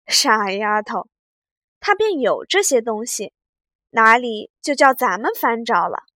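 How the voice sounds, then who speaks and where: A shrewd, cold noblewoman from an old storybook, as a woman reads her aloud. She speaks slowly with cool sarcasm, in a slightly raised pitch. The sound is close and dry. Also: sing-song, sharp tone, no echo, full character voice. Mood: sarcastic. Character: shrewd cold young noblewoman, commanding and suspicious.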